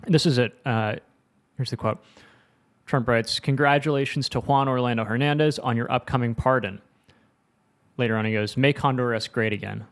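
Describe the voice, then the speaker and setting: Laid-back guy co-hosting a news chat, lots of uhs, mid-pitched voice. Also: moderate pace. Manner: relaxed, filler-heavy, reads quotes aloud. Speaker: news show co-host. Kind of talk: casual news discussion.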